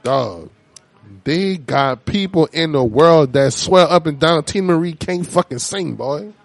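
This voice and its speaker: A man's voice: a little high, animated, a little slow, creaky, dry recording. An American man debating music casually, speaking emphatically with slangy, profane talk and repeating himself for emphasis.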